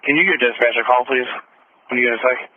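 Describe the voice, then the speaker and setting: A man's voice: mid-range voice, fast talker, no room sound. A man talking over a police radio as an officer, using brief codes and acknowledgements. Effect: police radio transmission. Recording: tinny dry radio transmission.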